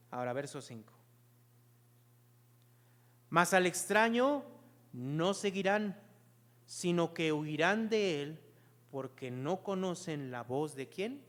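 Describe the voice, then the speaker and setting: High-voiced man preaching a sermon. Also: fairly bright tone, long reverb tail. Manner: asks the congregation rhetorical questions; earnest, explanatory preaching. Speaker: pastor.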